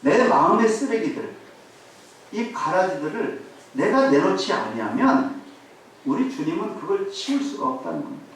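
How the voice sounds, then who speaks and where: Lively male pastor in echoey church. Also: high voice, normal speed, far from the mic. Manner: animated storytelling, rhetorical questions to the congregation. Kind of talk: sermon. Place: church sanctuary. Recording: very echoey hall, voice off-mic, faint hiss.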